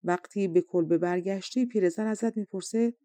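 A woman's voice: medium pitch, mellow, no room sound, natural voice. A woman reading aloud the part of a young wife who soothes and reassures her husband. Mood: soothing.

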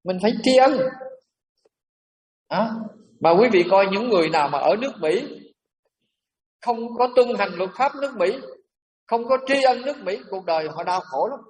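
Emphatic monk. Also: male voice, high-pitched, animated, moderate pace, pauses often, far from the mic. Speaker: Buddhist monk teacher. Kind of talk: sermon to a congregation.

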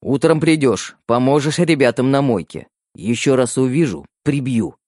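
A gruff, menacing boss, as a man reads him, snaps short, clipped orders. He sounds tired but threatening, recorded dry and close for an audiobook. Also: mid-range voice, animated, moderate pace, darkish tone, dry recording, close to an everyday voice. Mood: weary threatening. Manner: clipped, barking.

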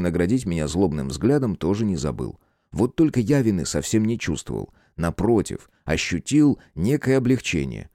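A man narrating an audiobook in an even storytelling manner. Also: deep voice, no echo, clean studio sound. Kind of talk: scripted narration.

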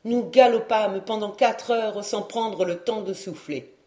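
A man reading a classic novel aloud as an audiobook, in measured storytelling. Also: high-pitched, darkish tone. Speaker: audiobook reader. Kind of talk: audiobook narration. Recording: roomy echo.

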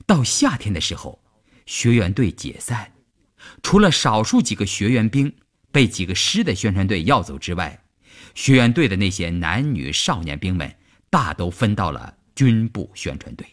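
A man narrating a long-form story for radio in an expressive storytelling voice. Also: fairly low pitch, moderate pace.

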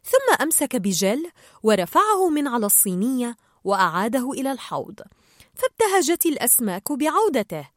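A woman narrating a children's storybook aloud in an expressive, lively way. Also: high-pitched, brisk, no room sound, studio quality.

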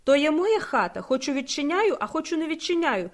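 A woman voicing a defiant middle-aged house owner who shouts back at intruders, in an audiobook. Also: high-pitched, expressive, fairly quick. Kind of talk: audiobook character voice.

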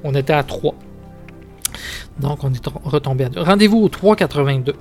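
A man's voice: on the high side, animated, a little fast, a little mellow, faint music behind. A man with a Québécois accent hosting a podcast, reading a gamebook aloud with dramatic narration and casual asides. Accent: Québécois French. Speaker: podcast host.

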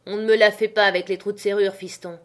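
A woman's voice: mid-range voice, level tone, fast talker, lightly acted. A woman voicing a sly, menacing old male sailor who speaks with false friendliness. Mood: sly, coaxing.

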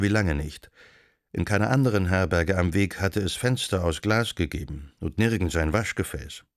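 Very deep, gravelly male narrator. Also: no room sound, studio quality. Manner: measured, even storytelling. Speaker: audiobook reader. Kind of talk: scripted narration.

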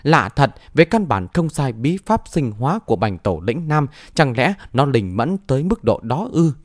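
A man voicing a cautious young martial hero who speaks in a hushed way. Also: mid-range voice, big pitch swings, normal speed, dry recording, clean studio sound. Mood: wary.

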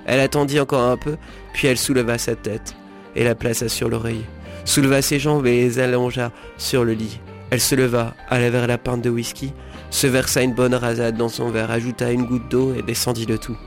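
A man narrates a story aloud at a middling pitch, keeping his delivery level and almost monotone throughout. Faint music plays softly in the background. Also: brisk, vocal fry. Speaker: reader. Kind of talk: reading a novel excerpt aloud.

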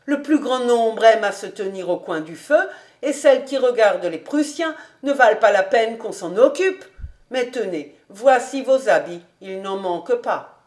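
A woman's voice: a little high, lively intonation, measured pace, darkish tone. A woman voicing an old, talkative female housekeeper, eager and coaxing, in an audiobook reading. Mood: reasoning.

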